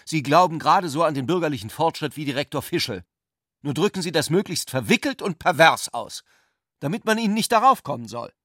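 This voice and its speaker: Man acting out a scornful young zealot, high shouting voice, dry close sound, radio play. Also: sing-song, moderate pace, dry recording. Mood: angry outburst. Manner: shouting in outbursts.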